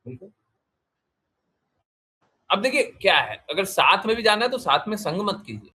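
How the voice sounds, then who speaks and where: A man's voice: sits high, big pitch swings, normal speed, pushed and bright, husky. A man, a spiritual teacher, giving a devotional talk and answering questions, emphatic, repeating phrases and asking rhetorical questions.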